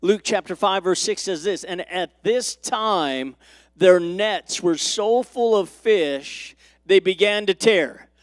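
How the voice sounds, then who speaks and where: Man, pastor, church sermon, high voice, dry close sound. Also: slow pace, no echo. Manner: preachy, rising and falling emphasis, asks the congregation questions.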